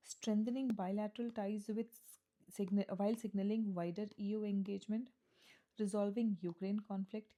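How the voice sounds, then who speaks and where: A woman teaching an editorial reading lesson. She reads the English lines slowly, then explains them in Hindi, and checks in with students as she goes. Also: medium pitch, dark tone, dull audio. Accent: Indian English. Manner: asks students questions and checks with "है ना?".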